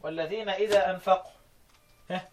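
A man with an Egyptian accent teaching Quran recitation, chanting verse lines slowly and then explaining them quickly while quizzing his students. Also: high voice, fairly even intonation, a little mellow, slight background noise. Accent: Egyptian Arabic.

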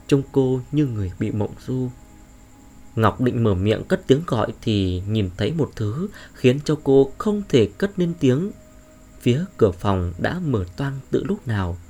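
A man narrating a horror story in a dramatic, suspenseful way. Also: mid-range voice. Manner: expressive, suspenseful.

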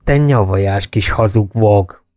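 A man voicing an army captain who shouts commands in a drill-sergeant bark. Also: fairly low pitch, no room sound, studio quality, lightly acted.

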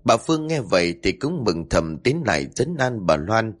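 Low-voiced man narrating a ghost story. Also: sing-song, normal speed.

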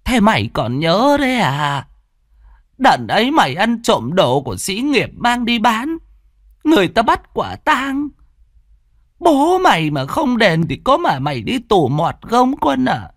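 A man voicing an old widowed mother in a spoken ghost story, her lines shrill, pleading and tearful. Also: wildly swooping pitch, slow, long pauses, dry recording, studio quality, heavily acted. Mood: scolding.

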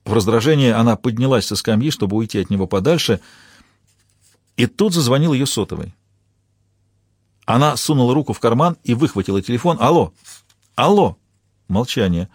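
A man reads a crime novel aloud in even, measured narration. His voice is husky at a middle pitch. The recording is dry and close, with no room sound. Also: no echo. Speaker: audiobook narrator. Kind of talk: scripted narration.

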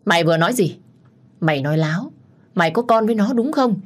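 A woman's voice: lowish voice, measured pace, husky. Woman voicing a crazed knife-wielding man. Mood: raging. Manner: menacing, shouting, taunting.

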